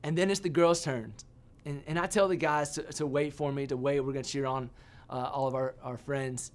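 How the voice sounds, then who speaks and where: A man giving a sermon as a youth pastor, telling a personal story with animated, self-mocking humor. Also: medium pitch, normal speed.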